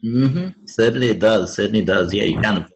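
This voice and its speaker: A man's voice: on the low side, a little fast, creaky, slight background noise, low-quality recording. A young man from Trinidad and Tobago, a podcast guest chatting casually, with many fillers, restarts and easy laughs. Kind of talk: casual interview chat.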